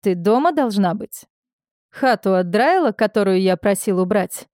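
A man's voice: sits high, lively intonation, normal speed, a little mellow, no room sound, studio quality. A woman doing a curt, rude young husband. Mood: irritated. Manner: curt, dismissive.

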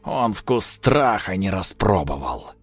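A man voicing a vengeful ghostly voice of the buried dead, slow, menacing and sneering. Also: deep voice, very animated, husky, soft background music, exaggerated voice. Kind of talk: audiobook character voice.

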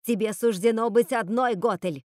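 A woman's voice: a little high, normal speed, darkish tone, no room sound, clean studio sound, natural voice. A woman voicing a scornful undead witch queen. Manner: menacing, scornful. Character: wicked witch mother, queen of the dead.

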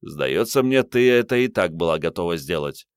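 A male audiobook reader voicing a curt, gruff, tired man who leads a small squad. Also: low-pitched, lively intonation, normal speed, no echo, clean studio sound.

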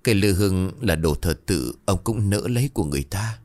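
A man voicing a gentle, worried wife who speaks softly and quietly reproaches her husband. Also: deep voice, animated, brisk, dry recording. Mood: gently reproachful.

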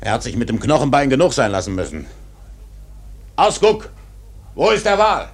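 An actor playing an old, obsessed whaling captain in a radio drama, husky and declamatory, commanding and brooding. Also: male voice, mid-range voice, very animated, moderate pace. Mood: frantic. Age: older. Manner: declamatory, barking orders. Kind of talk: theatrical radio drama acting.

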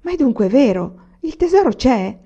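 Lady doing a shy young farm girl, eager n a bit anxious, mellow voice. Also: mid-range voice, brisk, close to an everyday voice. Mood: excited. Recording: slightly dull lo-fi recording.

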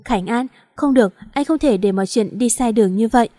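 A woman's voice: a little high, brisk, warm tone, no room sound, studio quality, close to an everyday voice. A woman voicing a heartbroken young husband who speaks bitterly and accusingly, choked with regret. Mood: remorseful.

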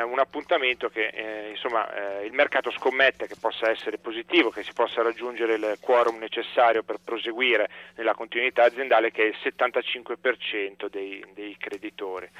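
A man of middle pitch gives a live radio market report, calmly explaining stock moves. His voice comes over a dull, lo-fi link with a dry sound. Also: fairly quick, no room sound. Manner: explanatory, steady, with fillers. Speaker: market correspondent.

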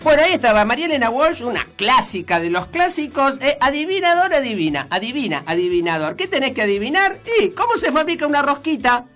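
A woman's voice: high voice, sing-song, fast talker, few pauses, fairly bright tone, soft background music. A woman with an Argentine accent hosting a children's radio show, chatting playfully and putting riddles and questions to her listeners.

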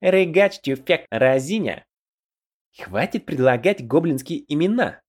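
A male narrator voicing a crowd of crude, squabbling goblins with shrill, cheeky shouting in an audiobook. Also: big pitch swings, a little slow, heavily acted. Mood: rowdy.

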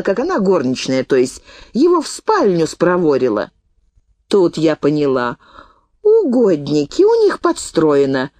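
A woman's voice: lowish voice, no echo, exaggerated voice. A woman doing a folksy old peddler woman. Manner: folksy storytelling, lively and indignant. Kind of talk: audiobook reading.

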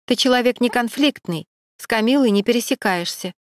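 A woman's voice: a little high, brisk, dry recording, clean studio sound, lightly acted. A woman reading the part of a resentful female colleague who speaks reproachfully. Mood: aggrieved. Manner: aggrieved, reproachful.

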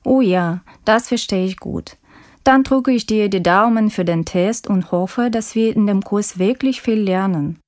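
A woman's voice: medium pitch, measured pace, darkish tone, natural voice. A woman playing a polite, curious course student. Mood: friendly, curious. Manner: polite, clear, careful diction. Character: friendly woman course student interviewing a classmate. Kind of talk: scripted textbook dialogue.

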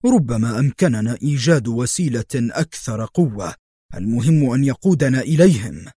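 A man's voice: medium pitch, expressive, a little fast, warm tone, breathy edge, dry recording, clean studio sound. A man voicing a stern, commanding middle-aged intelligence director in a spoken story. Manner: firm, commanding.

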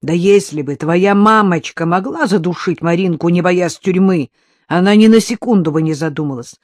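A narrator voicing a bold young woman who mocks and accuses loudly. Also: on the low side, normal speed, no room sound, studio quality, close to an everyday voice. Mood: accusing. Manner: mocking, accusing, loud. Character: bold mocking young woman, fierce and defiant. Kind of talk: audiobook character voice.

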